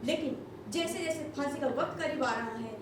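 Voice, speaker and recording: A woman's voice: high-pitched, normal speed, background noise, natural voice. An actress on stage playing a female TV field reporter who reports earnestly to the anchor. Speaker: stage actor. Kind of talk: stage play acting. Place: theatre stage. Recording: echoey hall, captured from far off.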